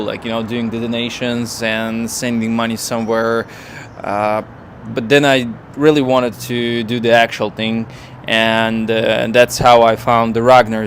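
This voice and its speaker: Man, Ukrainian speaker, average pitch, halting phrasing, casual interview guest, faint outdoor traffic noise. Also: a bit bright. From Estonia. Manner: halting, hesitant non-native phrasing. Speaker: guest, volunteer campaign coordinator. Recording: noisy outdoor city street with traffic.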